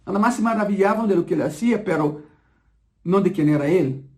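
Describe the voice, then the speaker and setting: A man preaching a sermon, emphatic and repeating key phrases slowly so the congregation absorbs them. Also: sits high, a little mellow.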